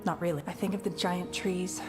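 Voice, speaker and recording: A woman's voice: fairly low pitch, fairly even intonation, fairly quick, close to an everyday voice. A woman playing a friendly, awkward young soldier who talks hesitantly and candidly to her general in a video game. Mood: relaxed, candid. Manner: hesitant, conversational, self-deprecating. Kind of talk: video game dialogue acting. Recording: clear game music behind the voice.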